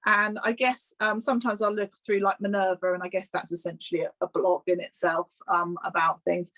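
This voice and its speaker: A woman in her thirties answers questions in a relaxed, unhurried way. Her voice sits at a middle pitch, and she pauses with ums and small laughs as she thinks. She is talking over a video call. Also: low-quality recording. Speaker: guest. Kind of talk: casual interview chat.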